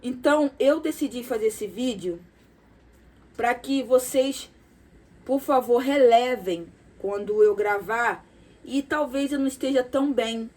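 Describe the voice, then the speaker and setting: A woman speaking directly to her viewers in a personal confessional vlog, soft and halting, with many fillers, repeated words and "tá?" tags. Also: fairly high pitch. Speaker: vlogger.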